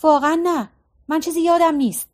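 A woman's voice: sits high, darkish tone, a little hiss or hum, pitched above the performer's own voice, lightly acted. Narrator doing a detached young guy, clipped and casual. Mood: offhand. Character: young man, aloof and restless.

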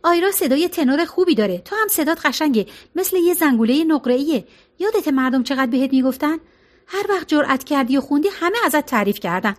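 A woman's voice: high-pitched, animated. A woman voicing an insistent, grieving middle-aged woman who pleads and persuades in an audiobook reading. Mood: firm.

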